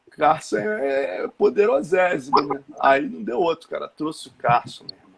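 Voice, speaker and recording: A man telling a lively anecdote as the guest journalist in a live chat, acting out the shouted quotes. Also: high-pitched, normal speed, creaky, a crowd in the background. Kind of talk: animated storytelling in a live chat.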